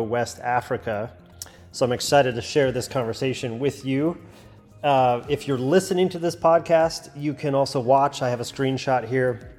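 A man's voice: mid-range voice, darkish tone, long reverb tail. A man hosting a podcast, introducing an episode in an earnest, conversational way. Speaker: podcast host.

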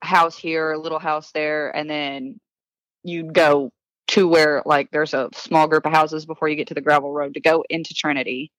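As a guest on a podcast, a woman recounts her past in a plain, earnest, matter-of-fact way during a casual interview. Her voice is deep and flat, moving at a moderate pace, on a low-quality recording with no echo.

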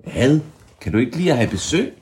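A man's voice: medium pitch, sing-song, darkish tone, voice pushed up, lightly acted. A man puts on a small, indignant frog boy in a told story. The voice is lifted a little above his own and keeps pleading and protesting.

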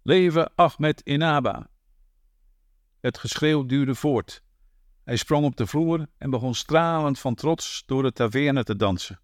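A man narrating a literary short story as an audiobook reader, in a measured, even way. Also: mid-range voice, dry recording, clean studio sound.

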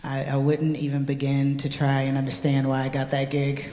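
A woman singer answering questions in a live on-stage interview, telling her story in an animated, reflective way. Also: very deep voice, moderate pace, background noise. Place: large hall before a live audience. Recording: echoey hall with long reverb.

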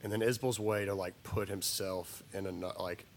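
A man who is a singer-songwriter, chatting casually in a coffee shop, relaxed and loose, with trailing restarts and some swearing. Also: low-pitched, moderate pace, a crowd in the background. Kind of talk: casual chat.

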